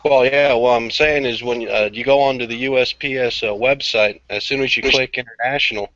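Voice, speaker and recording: A man in a casual podcast chat who talks haltingly and fills pauses with uh and um. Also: mid-range voice, steady tone, fairly bright tone, muffled recording, a little hiss or hum. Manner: halting, lots of uh fillers.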